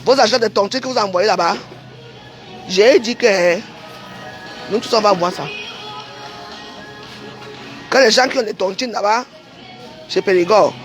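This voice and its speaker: A woman delivering a confrontational livestream rant, scolding people directly. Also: medium pitch. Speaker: online commentator.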